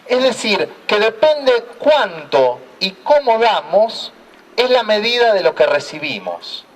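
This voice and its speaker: An Argentine church speaker with a high, animated voice preaches unhurriedly in an outdoor town square. He tells stories slowly and deliberately, returning to a repeated refrain, and the microphone picks him up from a distance.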